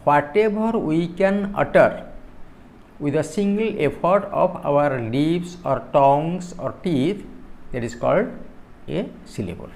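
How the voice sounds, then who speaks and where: A male teacher with an Odia accent explaining a poem in a classroom lecture. He talks slowly and on purpose, repeats key words, and moves between English and Odia. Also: on the high side, a little mellow.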